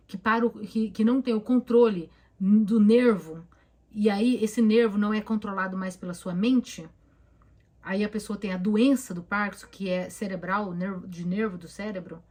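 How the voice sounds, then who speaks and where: A Brazilian-accented woman therapist talks straight to her viewers in a casual live stream. Her voice sits at an ordinary middle pitch as she hammers home each point with repetition and firm, coaching emphasis. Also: darkish tone. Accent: Brazilian Portuguese.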